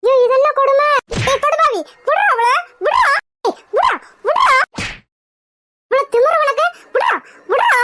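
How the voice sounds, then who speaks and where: A woman's voice: extremely high pitch, fairly even intonation, fast, a bit bright, slight background noise. A woman voicing a distressed mother in a cartoon, begging and cursing to protect her daughter.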